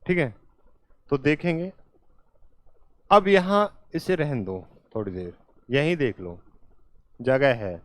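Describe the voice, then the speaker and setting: A man's voice: medium pitch, slow, pauses often, dry recording. A male teacher giving a classroom lecture at a board, coaxing students with repeated quiz questions and calling them "beta". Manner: calls listeners "beta".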